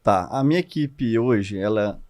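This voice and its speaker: Animated Brazilian man telling stories. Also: lowish voice, unhurried. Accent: Brazilian Portuguese. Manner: animated, expressive storyteller. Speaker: guest entrepreneur. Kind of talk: casual podcast conversation.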